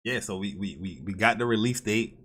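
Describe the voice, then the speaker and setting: Man, low voice, podcast host, casual chat, hesitant. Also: a little fast, a bit bright.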